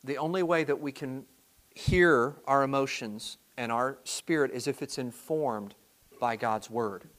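A pastor giving a sermon to his congregation, earnest and halting, often repeating words as he restarts his sentences. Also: a little high, a bit bright.

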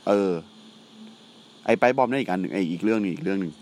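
A man's voice: low voice, lively intonation, quick pace, a little mellow, a little hiss or hum. A man co-hosting a casual wrestling chat, speaking in a blunt, slangy and profane way. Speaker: podcast co-host.

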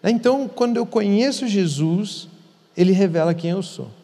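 Higher-voiced pastor teaching in a reverberant hall. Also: male voice, animated, moderate pace, dark tone. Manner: earnest, repeats words for emphasis. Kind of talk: conversational podcast teaching.

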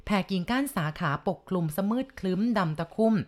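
A woman reading a horror novel aloud as a storyteller, steady and dramatic. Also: medium pitch, brisk.

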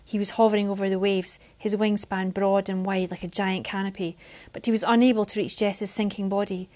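A woman reads a novel chapter aloud in a mid-pitched voice. Her narration is steady and expressive. She moves through the story at an even pace. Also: fairly quick. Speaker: reader.

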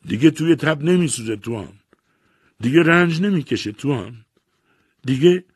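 Storybook: man doing an anguished grieving man, husky and gravelly, cries out. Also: low-pitched, lively intonation, no room sound, studio quality, pitched above the performer's own voice, full character voice. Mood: crying out. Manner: anguished, raised outcries. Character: grief-stricken man mourning his wife and brother. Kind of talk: audiobook narration.

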